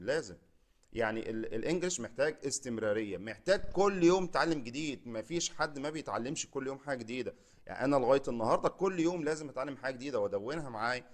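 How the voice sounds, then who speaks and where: A man with an Egyptian Arabic accent giving a casual spoken English lesson, chatty and direct with viewers, checking in again and again. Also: mid-range voice. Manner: chatty, repeats "تمام؟" often, direct address to viewers. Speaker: English teacher, channel host.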